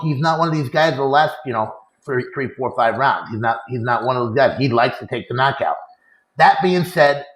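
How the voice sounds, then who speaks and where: A man's voice: mid-range voice, a bit bright. A man hosting a show with casual sports talk, recorded in a room. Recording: echoey room sound.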